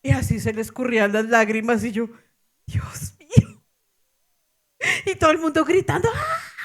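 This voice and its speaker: A middle-aged woman pastor with a Colombian accent, telling a story in a sermon, animated and laughing with exclamations. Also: fairly high pitch.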